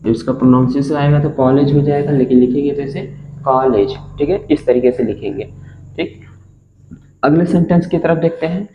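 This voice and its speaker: A man teaching a spoken class lesson, spelling words out slowly and asking listeners to repeat after him. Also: fairly high pitch, slight background noise. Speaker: English teacher. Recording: echoey room on a tinny, phone-like line.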